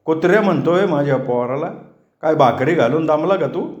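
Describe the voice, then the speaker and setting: A man's voice: on the high side, expressive, moderate pace, dull audio, pitched above the performer's own voice, natural voice. A man voicing a strong, hot-tempered boatman who scolds and threatens, for an audiobook with roomy echo. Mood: angry, commanding. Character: strong older boatman, angry and commanding.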